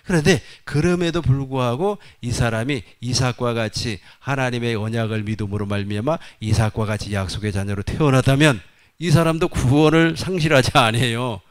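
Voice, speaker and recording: Male preacher, mid-pitched voice, insistent repeated points, folksy asides. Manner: emphatic repetition, folksy asides. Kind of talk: sermon.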